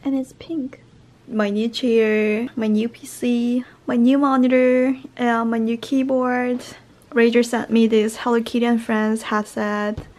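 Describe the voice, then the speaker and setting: A woman's voice: on the high side, flat delivery, a little slow, a little mellow. A young woman doing a casual vlog voice-over, chatting about her new things. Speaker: vlogger.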